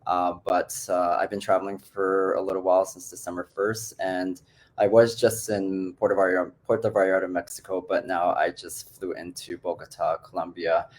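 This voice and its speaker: A man's voice: low-pitched, level tone, moderate pace. A man born in the Philippines who works as a business coach, talking casually with many fillers on an online group call. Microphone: video call.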